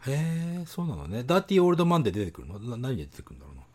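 A man co-hosting a casual podcast chat, animated and teasing, laughing often. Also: mid-range voice, racing. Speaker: podcast co-host.

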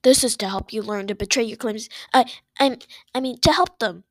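A woman's voice: fairly high pitch, a little fast, no echo, studio quality, pitched below the performer's own voice, natural voice. A woman voicing a scheming male villain cat leader who stumbles over his words. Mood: sly sales pitch. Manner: pleading then sly, stumbling over words.

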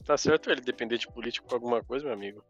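A man's voice: mid-range voice, very fast, muffled recording, soft background music. A young man with a Brazilian accent chatting casually in a blunt, slangy way. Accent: Brazilian Portuguese. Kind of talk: casual chat.

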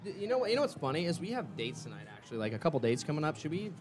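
A man's voice: fairly high pitch, big pitch swings, racing. A man from Kansas hosting a dating show, joking and rambling loosely in casual chat.

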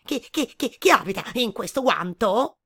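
A woman voicing a quick, jittery male rabbit in a children's story who stammers and repeats himself. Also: a little high, expressive, fairly bright tone, breathy edge, voice pushed up, exaggerated voice. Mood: eager. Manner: stammering, hurried.

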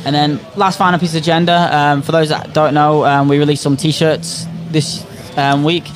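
A man's voice: a little high, little pitch movement, normal speed, over music. A man hosting a casual football podcast chat in an opinionated, sweary way. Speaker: podcast host.

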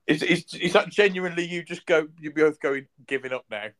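A man's voice: on the high side, brisk, a bit bright. A man, a podcast host in casual chat, joking and teasing in an easygoing way.

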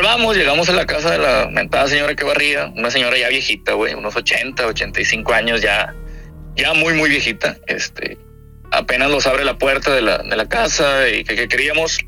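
A man's voice: medium pitch, creaky, sharp tone. A young Mexican man with a Mexican accent telling a story in casual, slang-heavy chat, peppering it with swearing and "güey". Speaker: podcast guest.

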